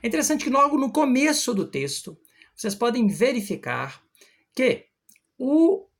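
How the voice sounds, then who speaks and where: Husky-voiced woman teaching poetry. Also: mid-range voice. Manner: explains step by step, slows to read verses aloud. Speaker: literature teacher. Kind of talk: explanatory poetry lesson.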